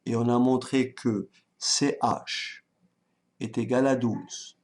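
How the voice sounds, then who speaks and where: A man teaching maths at a slow, unhurried pace, calm and patient. He thinks aloud while writing and keeps checking that his students are following. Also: medium pitch. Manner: talks directly to students, checks they follow. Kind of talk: online exam-prep lesson.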